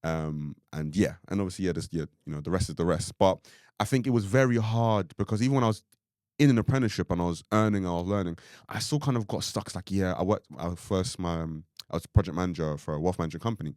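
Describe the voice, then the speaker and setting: A man's voice: low voice, quick pace, a little mellow, dry recording, clean studio sound. A young man co-hosting a podcast, chatting casually in a rambling way with lots of fillers. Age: young adult. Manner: rambling, filler-heavy, full of "like". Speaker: podcast co-host.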